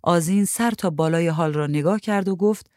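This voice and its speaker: A woman narrating a short story in a measured, even reading. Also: on the low side, no echo, clean studio sound.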